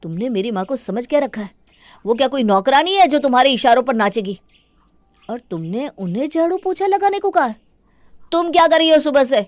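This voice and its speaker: A woman voicing a young husband and son who scolds his wife and protects his mother, in an animated story. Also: high voice, a little fast, no room sound. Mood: angry.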